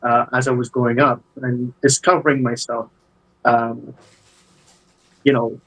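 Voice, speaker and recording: A man's voice: medium pitch, flat delivery, a little slow, fairly bright tone, poor audio. A man, a guest telling his life story in a casual interview over a video call, with many hesitations and fillers. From Barbados. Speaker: guest, business owner.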